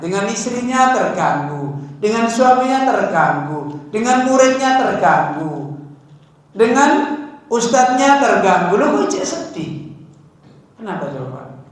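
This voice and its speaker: A male Islamic teacher giving a study-circle sermon in a conversational way, often asking his listeners questions. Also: high voice. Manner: conversational, asks the audience questions, mixes in Javanese words. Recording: very echoey room, voice far from the mic.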